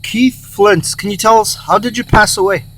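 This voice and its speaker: A man hosting a paranormal session in casual, halting talk, repeating himself and breaking off phrases. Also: high-pitched. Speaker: host of a paranormal spirit box session. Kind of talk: casual rambling vlog talk, addressing spirits and viewers. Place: in or beside a car. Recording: faint hum and noise.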